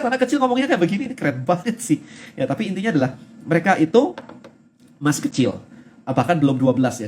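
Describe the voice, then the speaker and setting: A man in his thirties hosting a casual live talk, a lively storyteller who mixes English words into his speech. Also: on the high side, slight background noise. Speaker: host. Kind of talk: live-stream talk on mindset.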